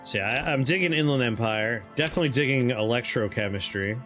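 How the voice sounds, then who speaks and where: A man's voice: medium pitch, fast talker. A man livestreaming a game, chatting casually and reading options aloud as he plays. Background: faint game music.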